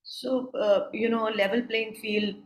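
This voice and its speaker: A woman's voice: a little high, fairly even intonation, measured pace. A woman interviewing conversationally, phrasing her questions tentatively and with measure. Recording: roomy, echoing sound.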